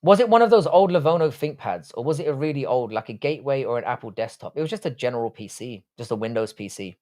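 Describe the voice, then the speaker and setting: A man in his thirties hosts a live stream, responding to viewer comments bluntly, with swearing and jokes. Born in Ireland and brought up in southwest London, he speaks with a London accent. His voice is medium-pitched and slightly mellow, with lively intonation and a quick pace.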